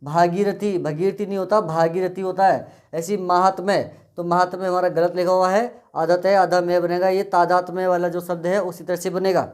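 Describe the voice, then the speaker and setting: A male teacher giving an exam-prep spelling lesson, drilling words by repeating them in a steady, methodical way. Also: high voice, normal speed.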